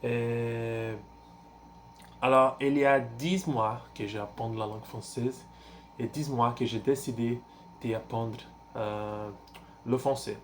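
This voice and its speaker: A Brazilian man in his twenties, a language-learner vlogger whose first language is Portuguese, introduces himself casually in French with a Brazilian Portuguese accent. He speaks haltingly, searching for words, with many fillers and restarts. His mid-range voice stays steady over slight background noise.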